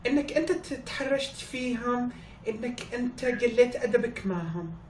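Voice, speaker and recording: A man's voice: very high voice, lively intonation, normal speed, pitched above the performer's own voice. A man putting on a woman's voice as a female doctor in a prank phone call. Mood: official. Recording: echoey, noisy, distant phone prank recording.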